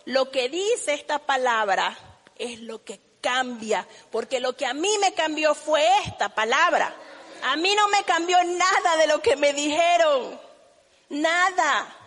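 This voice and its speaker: A woman preaching a sermon, earnest and testifying, swinging between loud passages and hushed ones. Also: high-pitched. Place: church hall. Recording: echoey church hall.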